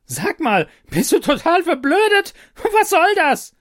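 A man voicing a frantic, furious woman who yells in a shrill, strained voice in an audiobook reading. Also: very animated, unhurried, no room sound, clean studio sound, full character voice. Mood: shrieking furious. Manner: shrill, yelling. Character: frantic, furious middle-aged woman, shrieking.

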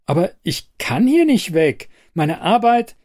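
A man voicing a frightened, defiant young woman in an audiobook, raising his voice high and pleading. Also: very animated, measured pace, darkish tone, exaggerated voice. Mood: upset.

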